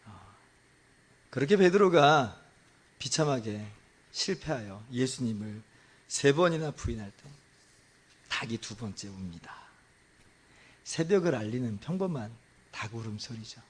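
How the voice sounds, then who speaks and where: A middle-aged man preaching a sermon as pastor, with impassioned swings between loud outbursts and soft, low phrases, asking the congregation questions. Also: lively intonation, a little slow, pauses often, husky. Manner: asks the congregation rhetorical questions.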